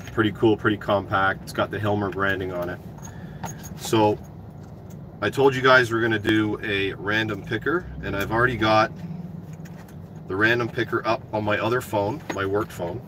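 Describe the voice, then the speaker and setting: This man in his thirties has a lowish voice, a steady tone, normal speed and long pauses. A trade YouTuber, he chats laid-back with livestream viewers while hosting a giveaway from inside a parked work truck cab. His phone, held at arm's length, clearly picks up vehicle and outside noise.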